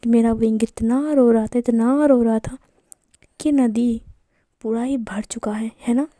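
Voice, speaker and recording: A woman voicing a calm young man who teases and coaxes softly, in a read-aloud story. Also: a little high, measured pace, no room sound, studio quality, lightly acted. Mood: teasing. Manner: teasing, coaxing, soft. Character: teasing calm young man, gentle lover.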